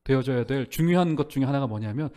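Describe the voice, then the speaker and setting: A man preaching a Sunday sermon as pastor, earnest, asking the congregation rhetorical questions and dropping softer for prayerful lines. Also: medium pitch, fast talker. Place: church sanctuary.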